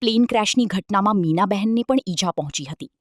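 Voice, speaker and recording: A woman reporter reading a scripted news voice-over in a measured, solemn delivery. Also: medium pitch, no room sound, clean studio sound.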